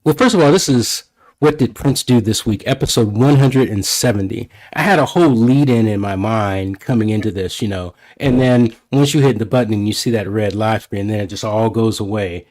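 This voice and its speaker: A man filling in as host of an online music talk show, chatting in a relaxed, self-deprecating way on a home microphone. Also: lowish voice, normal speed, rough recording. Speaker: fill-in host. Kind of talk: casual podcast chat.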